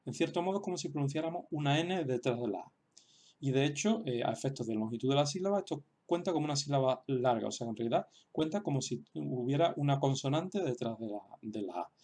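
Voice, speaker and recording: A man teaching a lesson over on-screen writing, speaking hesitantly with many fillers and repeated words, and sounding out example words slowly and carefully. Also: mid-range voice, animated, warm tone. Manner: slow, careful example pronunciations.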